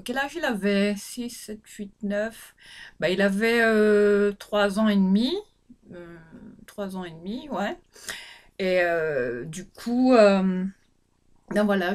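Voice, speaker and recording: A woman's voice: mid-range voice, darkish tone. A woman from Réunion with a Réunion Creole French accent and a sing-song, lilting intonation, chatting hesitantly to her viewers as a vlogger, with many fillers and restarts. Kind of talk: casual chat to camera.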